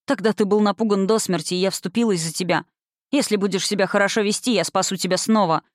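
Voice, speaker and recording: A woman voicing a commanding witch who speaks in a quiet, even, imperious voice. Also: mid-range voice, quick pace, no echo, clean studio sound, close to an everyday voice. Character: cold, commanding middle-aged witch.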